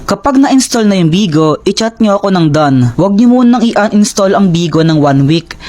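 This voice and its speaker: A man making an eager, salesy promotional pitch for a giveaway. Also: lively intonation, moderate pace, a little mellow.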